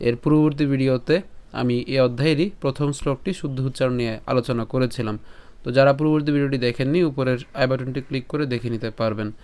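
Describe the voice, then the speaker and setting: Smooth-voiced teacher. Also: male voice, mid-range voice, steady tone, darkish tone. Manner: asks and answers his own questions, drawn-out chanted recitation. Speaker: scripture recitation teacher. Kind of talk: step-by-step pronunciation lesson.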